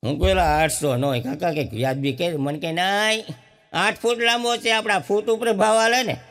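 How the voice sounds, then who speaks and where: High-voiced comedian spinning folksy yarns. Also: male voice, fairly even intonation, moderate pace, fairly bright tone, in a large hall, soft background music. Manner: folksy storyteller who acts out each character in quoted dialogue. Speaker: stand-up comedian. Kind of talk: comic storytelling.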